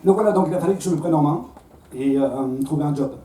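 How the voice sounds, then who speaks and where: Speaking fast in a fairly high, mellow voice, a Belgian man in his thirties with a Belgian French accent does self-mocking stand-up at a comedy club, stammering and restarting. The recording is distant and roomy, with a faint crowd.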